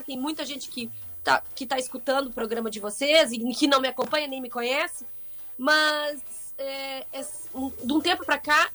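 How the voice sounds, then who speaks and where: A middle-aged woman, a guest in an interview who talks expressively and at length, often restarting her sentences. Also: high-pitched. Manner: expressive, talkative, frequent restarts. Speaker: guest, fashion seller and social media influencer. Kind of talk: animated conversational interview.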